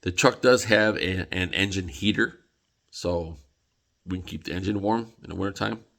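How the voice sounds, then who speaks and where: A man's voice: low-pitched, moderate pace, gravelly, a bit bright. A tired man vlogging casually about a truck, rambling with many fillers and restarts. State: tired, yawning. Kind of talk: casual vlog talk.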